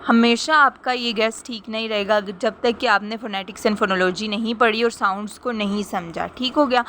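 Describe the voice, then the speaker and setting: A woman's voice: a little high, moderate pace, a bit bright, a little hiss or hum. A young woman teaching a lesson, explaining patiently, repeating points and checking that listeners understand. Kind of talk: explanatory lesson in Hindi-Urdu with English terms.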